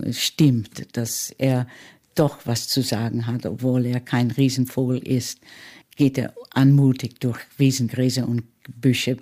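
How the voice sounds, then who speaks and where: Slow, halting elderly woman. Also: extremely low pitch, mellow. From United States. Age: 80s. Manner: slow, halting, many pauses and fillers. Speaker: interviewee. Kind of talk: reminiscing interview.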